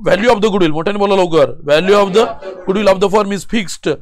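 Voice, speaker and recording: High-voiced Marathi-accented commerce teacher drilling. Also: male voice. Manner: drills students with rapid questions and answers himself; urges students to answer loudly. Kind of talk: classroom accounting lesson.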